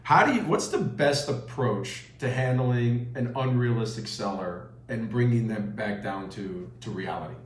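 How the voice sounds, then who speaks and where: In a roomy, echoing space, a man talks as an interview host at a medium pitch. He is conversational and affirming, summing up answers before moving on to questions. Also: moderate pace, few pauses. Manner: affirming, recaps answers back. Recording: echoey room.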